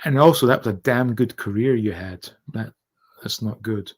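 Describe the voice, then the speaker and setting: A man's voice: fairly low pitch, moderate pace. A middle-aged man with a Scottish accent hosting a casual livestream, speaking in a candid, self-deprecating and sweary way. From Scotland. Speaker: livestream host. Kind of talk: casual livestream chat, reading out and answering comments.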